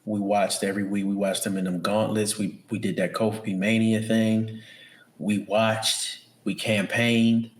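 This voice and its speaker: Deep-ish podcast dude, slangy and emphatic, echoey room sound. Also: male voice, level tone, unhurried. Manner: slangy, emphatic, says bro a lot. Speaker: podcast co-host. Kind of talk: casual wrestling chat.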